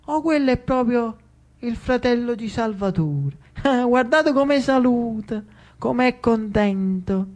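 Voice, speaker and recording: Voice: mid-range voice, animated, slow pace, a little mellow, pitched above the performer's own voice. A storyteller voicing a sly, mocking street lazzarone in a theatrical monologue, with a rising singsong.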